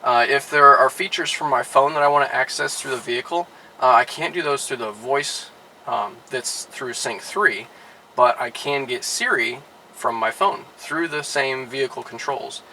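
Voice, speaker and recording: Bright-voiced man demonstrating casually. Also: mid-range voice, moderate pace, a little hiss or hum, low-quality recording. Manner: relaxed, with frequent "all right" and "uh" fillers. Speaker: car dealership product specialist. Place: inside a car.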